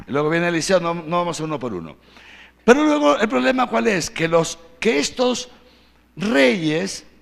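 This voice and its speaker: A man giving a catechesis talk, telling Bible stories with lively acted-out quotes and frequent tag questions. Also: high-pitched, vocal fry. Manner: animated storytelling, acting out biblical quotes. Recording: long hall reverb.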